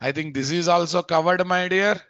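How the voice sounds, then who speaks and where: A high-pitched, a bit bright man's voice moves a little fast as this programming instructor, who has an Indian Telugu accent, runs an informal live lesson. He asks questions only to answer them himself and repeats phrases for emphasis. The recording is dry, close, and lo-fi, with a dull, muffled quality.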